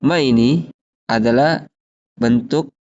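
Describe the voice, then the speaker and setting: Man teaching an Arabic lesson, lo-fi sound. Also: medium pitch. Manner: slow, drawn-out drill reading of example phrases, then steady explaining.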